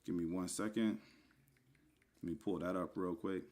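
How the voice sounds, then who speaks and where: A low-pitched, slightly mellow male voice with fairly even intonation talks at normal speed. The speaker, a religious teacher, casually unpacks scripture words over an online screen share, spelling them out letter by letter. Informal throughout, he addresses the listener as brother and wanders into fillers and asides.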